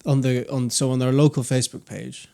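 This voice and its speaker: A man's voice: medium pitch, little pitch movement, a little fast, vocal fry, warm tone. A young man co-hosting a podcast, chatting casually and reflectively with lots of restarts. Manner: reflective, rambling with many restarts. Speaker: podcast co-host. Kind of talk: casual chat.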